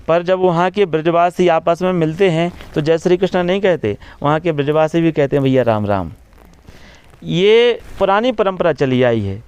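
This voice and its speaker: Man, religious preacher, fairly high voice, smooth resonant tone, measured devotional talk, slows for verses. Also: darkish tone. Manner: repeats key phrases with "है ना". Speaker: religious preacher giving an interview. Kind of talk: devotional explanation in a press talk.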